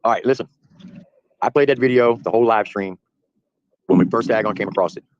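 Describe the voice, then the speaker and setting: A man's voice: lowish voice, fairly quick, no echo. A man calling into a live stream, talking insistently while his connection comes through choppy and breaking up. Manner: insistent, argumentative. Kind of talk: heated live-stream call-in. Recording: muffled, dry internet call audio.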